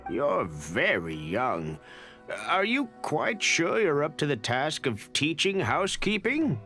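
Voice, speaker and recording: An actor playing a formal, polite elderly man in a video game, speaking in a measured way. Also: a little high, huge pitch swings, bright, forceful tone, faint music behind, exaggerated voice. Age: older.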